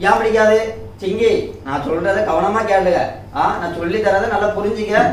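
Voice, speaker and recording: A man's voice: sits high, normal speed. A man scolds and preaches as a Sunday school teacher in a children's skit, ending his lines with questions. He is heard from far off in a very echoey room, with faint hiss underneath. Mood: preachy.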